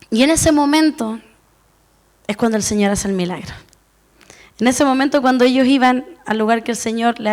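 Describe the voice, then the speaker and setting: High-voiced woman preaching. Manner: earnest, personal, includes herself with the listeners. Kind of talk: sermon.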